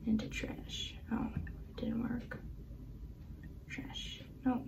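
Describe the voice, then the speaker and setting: A woman vlogging as she unboxes and sets up a new laptop, excitable and gasping, often dropping into whispered asides, recorded indoors by a camera on a tripod. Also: fairly high pitch, very slow, vocal fry. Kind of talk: unboxing vlog narration.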